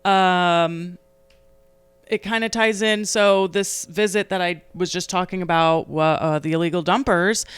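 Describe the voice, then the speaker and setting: A young adult woman and podcast co-host in casual chat, telling an animated story and laughing often. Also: fairly low pitch, unhurried, clean tone, dry recording. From New England.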